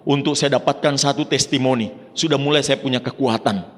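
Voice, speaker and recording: A man from Indonesia giving a motivational testimony at a seminar, telling his story in an animated way and often turning to address the audience directly. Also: mid-range voice, a little fast. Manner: keeps addressing the audience as ladies and gentlemen; animated storytelling, voice rising with emotion. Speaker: seminar speaker. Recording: long hall reverb.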